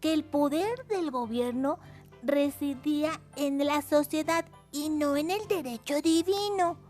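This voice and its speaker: A woman's voice: high voice, unhurried, a little mellow, soft background music. A woman hosting a simple history lesson for children in a sing-song, chatty way, repeating words for emphasis. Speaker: educational video channel host.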